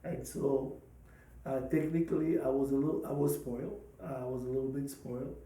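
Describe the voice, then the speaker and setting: A man in his fifties from Congo, a pastor and podcast host, telling his life story slowly and hesitantly, with many pauses and fillers. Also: mid-range voice, fairly even intonation, dark tone, reverberant, far from the mic, rough recording. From Democratic Republic of the Congo. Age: 50s. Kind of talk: personal testimony talk.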